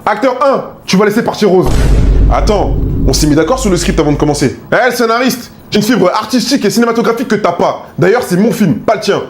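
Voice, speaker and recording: A man acting out a comic sketch as a bossy film director, loud and mocking. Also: sits high, expressive, quick pace, reverberant. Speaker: comedy sketch creator playing many parts.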